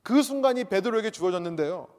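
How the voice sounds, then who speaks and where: His voice notably high and a little mellow, a male preacher talks fast and expressively, stressing and repeating key points. He throws rhetorical questions at the congregation while the church hall's long reverb rings around him.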